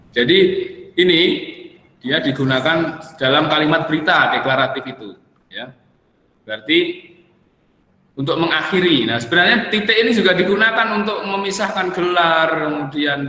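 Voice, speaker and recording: Jokey tutor, echoey room. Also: male voice, a little high, bright, forceful tone. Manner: chatty, jokey, with Javanese asides. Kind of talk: casual exam-prep lesson. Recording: echoey room with long reverb.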